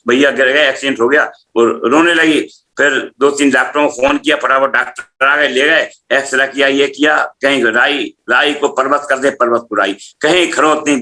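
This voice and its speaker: Middle-aged man with a bright voice, telling a story. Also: fairly high pitch. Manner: animated storytelling, acting out dialogue. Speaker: spiritual practitioner telling a testimony. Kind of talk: personal testimony storytelling.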